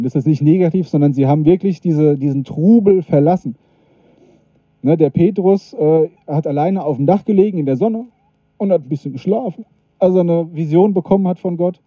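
A man's voice: on the high side, dark tone, dry recording. A man preaching a sermon, earnest and encouraging, who reads scripture passages aloud. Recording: dull, dry lo-fi recording.

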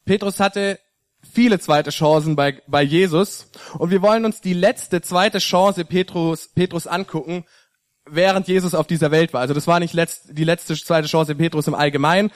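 A man's voice: high-pitched, dry recording, studio quality. A young man preaching a sermon, telling a personal story and reading a Bible passage aloud in an earnest, personal way, with small slips and restarts.

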